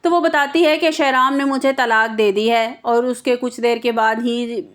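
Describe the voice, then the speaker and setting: Brief: high-pitched female presenter, loose off-the-cuff drama recap, stumbles and restarts a lot. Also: fairly even intonation. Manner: unscripted retelling with frequent hesitations and restarts. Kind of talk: casual spoken plot recap.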